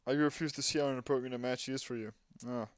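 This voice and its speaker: A man's voice: medium pitch, fairly even intonation, fast, dry recording, studio quality. A man doing let's play commentary, reading game dialogue aloud and breaking off with sarcastic asides. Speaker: gamer playing a game.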